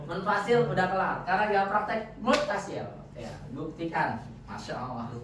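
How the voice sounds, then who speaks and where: A man's voice: sits high, very animated, normal speed, crowd noise. A man teaching Arabic grammar in a classroom, quizzing his students with frequent questions. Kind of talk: classroom lesson. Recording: echoey room, distant dull mic.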